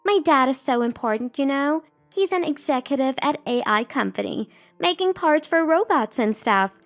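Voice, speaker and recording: A woman's voice: extremely high pitch, very animated, slow pace, fairly bright tone, soft background music, voice pushed up, exaggerated voice. Woman doing a sneering snobbish young bank clerk. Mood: smug mocking. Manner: sneering, crude laughter. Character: arrogant mocking young female bank clerk. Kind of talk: storytelling narration with acted quotes.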